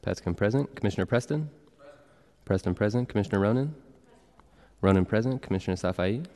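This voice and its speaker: A man working as a meeting clerk, reading roll calls and announcements in a steady, businesslike way. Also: fairly low pitch, fast talker. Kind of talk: formal public meeting proceedings. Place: large legislative chamber. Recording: long reverb of a large chamber.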